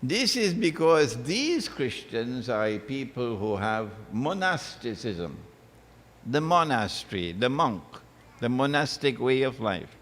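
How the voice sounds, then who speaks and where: Set in a hall with long reverb, this religious talk comes from an Islamic lecturer whose voice is fairly low and fairly bright. He speaks emphatically, keeps repeating phrases, and recites verses in Arabic.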